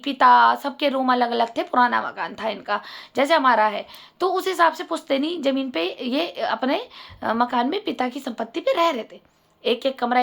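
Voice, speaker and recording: High, gravelly woman telling a story. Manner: animated, acts out quoted voices. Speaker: vlogger. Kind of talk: personal storytelling monologue.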